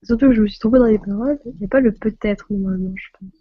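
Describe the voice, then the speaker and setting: A woman's voice: mid-range voice, racing, husky, no echo, lo-fi sound. A woman from France hosting a casual live stream on her phone, laughing often and flustered by technical trouble.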